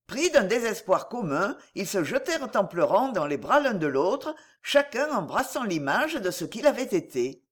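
A woman narrating a fairy tale in a measured, expressive storybook reading. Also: medium pitch.

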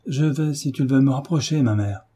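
A man's voice: mid-range voice, a little fast, mellow, husky, lightly acted. A man reading a novel aloud, voicing a sulky, hot-tempered teenage boy who defies his mother. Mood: sullen. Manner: sulky and defiant.

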